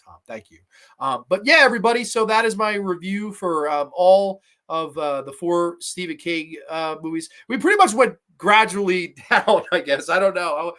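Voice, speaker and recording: Chatting casually while reviewing horror movies on a livestream, a young man rambles, offers strong opinions, swears offhandedly and reads chat comments out loud. His slightly high, fairly bright voice is expressive and brisk, though a bit congested and marked by a slight cough.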